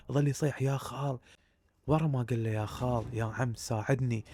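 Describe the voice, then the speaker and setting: A man's voice: medium pitch, gravelly, darkish tone, a little hiss or hum. A man with a Baghdad Iraqi accent telling a horror story in a casual spoken way, talking straight to his listeners and building suspense. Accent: Iraqi Arabic, Baghdad. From Iraq.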